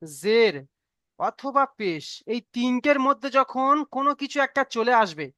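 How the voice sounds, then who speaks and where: This Quran teacher, a man with an extremely high, slightly bright voice, sounds animated while keeping a measured pace in an online Arabic reading lesson. The studio-quality audio has no room sound. He is patient, repeats every point, and keeps asking whether the class has got it.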